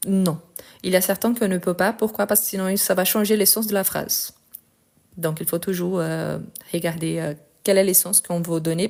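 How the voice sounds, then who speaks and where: A woman's voice: mid-range voice, darkish tone. Woman teaching a live French lesson. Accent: non-native accent in French. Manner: explains patiently, checks in with "ok?"; tends to speed up while talking. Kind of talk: live online language lesson.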